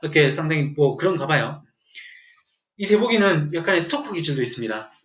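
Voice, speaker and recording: A man's voice: on the high side, big pitch swings, fairly quick, fairly bright tone. Jokey male teacher in an echoey classroom. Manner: jokey, storytelling, quizzing students. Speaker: English vocabulary teacher. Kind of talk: classroom lecture. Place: classroom with students. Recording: echoey room, dull lo-fi sound.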